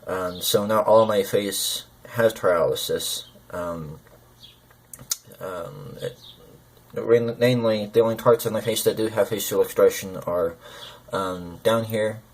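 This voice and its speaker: A man with a low voice speaks haltingly in a personal video. His lip sounds are soft and slurred, as though his mouth were numb from the dentist. He often hesitates and searches for his words. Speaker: gaming video creator. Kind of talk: personal talk to camera.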